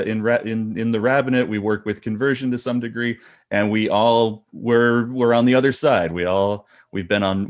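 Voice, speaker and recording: Earnest halting man hosting a podcast. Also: fairly low pitch. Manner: earnest, halting with repeated restarts. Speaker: podcast host. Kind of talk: casual podcast talk.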